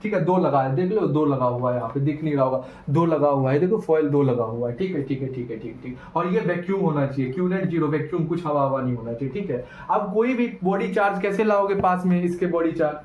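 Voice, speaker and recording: A man teaching a physics class, and his voice sits a little high. He repeats himself and keeps checking whether the students follow. The sound is muffled and echoes around the classroom. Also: fast talker, hardly any pauses. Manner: repetitive, asks students questions. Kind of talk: classroom lecture with demo. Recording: echoey room, muffled lo-fi, faint noise.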